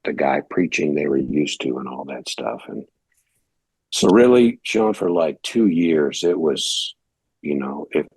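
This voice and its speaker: A very deep, husky man from Detroit speaks in a dry, close recording with no room sound. He is a pastor telling his story in a relaxed, rambling way and acts out what other people said. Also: measured pace, no room sound. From United States (Detroit, Michigan). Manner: conversational, rambling, acts out quoted dialogue. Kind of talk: casual interview storytelling.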